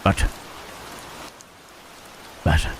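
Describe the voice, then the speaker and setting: Deep male monster a man acting, very slow, hesitant, careful, tender outcast, ASMR drama, faint stormy rain. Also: background noise. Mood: regretful, earnest. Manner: halting, hushed, careful speech with long pauses. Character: gentle, hesitant, lonely male monster, Frankenstein's creature. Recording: rain and thunder behind the voice. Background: rain and thunderstorm ambience.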